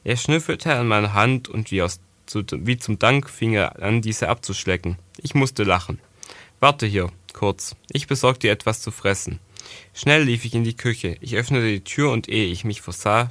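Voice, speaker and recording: A man calmly narrating a first-person storybook on a close mic. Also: on the low side, moderate pace, no room sound. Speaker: audiobook narrator.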